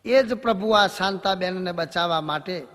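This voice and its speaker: A man telling devotional folk stories in a preachy, jokey and animated way. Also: sits high, moderate pace, long reverb tail. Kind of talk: devotional storytelling sermon.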